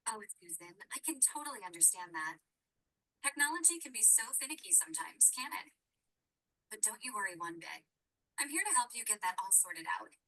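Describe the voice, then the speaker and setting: A woman's voice: fairly high pitch, sing-song, normal speed, bright, forceful tone. A robot-sounding text-to-speech woman voicing a cheerful customer service agent, heard as distant, tinny playback. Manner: cheerful, upbeat, scripted friendliness.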